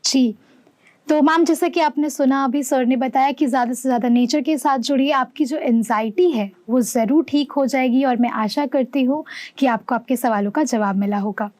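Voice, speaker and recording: Polite high-voiced woman hosting calls. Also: moderate pace, a little mellow, dry recording. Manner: polite, formulaic, courteous. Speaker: show host taking calls. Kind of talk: live call-in hosting.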